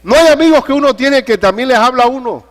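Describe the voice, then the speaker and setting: Older male pastor, high-pitched preacher. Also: fast. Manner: animated preaching with storytelling and questions to the congregation. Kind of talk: sermon.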